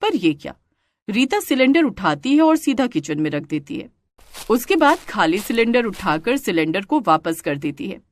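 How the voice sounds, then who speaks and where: A woman narrating a cartoon moral story in an even, explanatory storytelling manner. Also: mid-range voice, moderate pace, dry recording.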